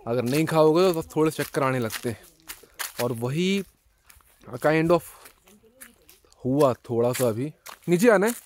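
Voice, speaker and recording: A man's voice: a little high, animated, measured pace, pauses often, a little hiss or hum. Chatty man vlogging to a handheld camera. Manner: chatty, talks to the camera while walking. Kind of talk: casual travel vlog narration. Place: outdoors on a hill path, then inside a narrow dark cave. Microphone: handheld camera at arm's length.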